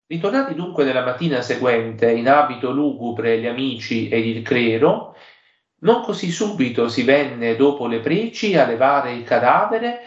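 A man reading an old legend aloud in a halting way, with many fillers and restarts. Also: medium pitch, animated, roomy sound, muffled recording. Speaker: reader.

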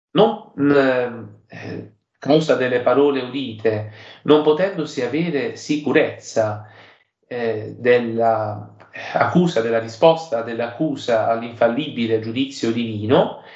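A man reading an old legend aloud in a halting way, with many fillers and restarts. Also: medium pitch, echoey room, muffled recording. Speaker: reader.

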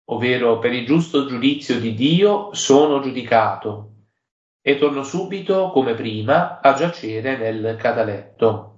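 A man's voice: medium pitch, dull audio. Man reading aloud in an echoey room. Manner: halting, with many fillers and restarts. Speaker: reader. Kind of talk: reading an old legend aloud.

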